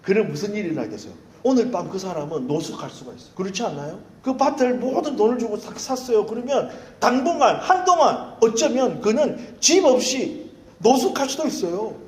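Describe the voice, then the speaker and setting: A male pastor preaching a sermon, telling candid, self-mocking stories in an animated way. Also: high-pitched, a little fast, echoey room.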